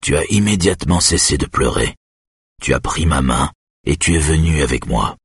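A man reading an audiobook, voicing a tired older father who speaks softly and with care. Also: very deep voice, lively intonation, slightly rough, no echo, clean studio sound, heavily acted. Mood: tender. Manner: soft, tired, measured. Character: weary older father, gentle and careful.

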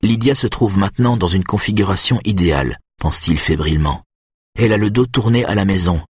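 A man reading a tense thriller aloud as an audiobook narrator, in measured, steady storytelling. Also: sits low, breathy edge, no room sound, studio quality.

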